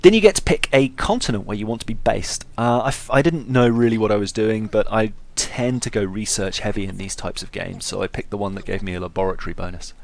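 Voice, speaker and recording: Casting: male let's-play commentator, slightly low pitch, hungover, loose and informal, trips over words. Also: quick pace, creaky, few pauses. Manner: stumbling over words, self-correcting. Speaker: video game commentator.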